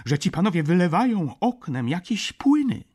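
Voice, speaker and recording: A man reading an audiobook, voicing a hysterical aristocratic baroness who complains in a shrill, wailing tone. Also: big pitch swings, moderate pace, a little mellow, breathy edge, heavily acted. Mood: shrill complaint. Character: hysterical aristocratic baroness, middle-aged woman. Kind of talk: audiobook character voice.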